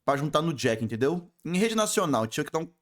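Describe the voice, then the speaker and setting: A man with a Brazilian accent reacting casually to a video, talking in excitable, slangy bursts. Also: on the high side, fairly quick. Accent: Brazilian Portuguese. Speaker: react streamer.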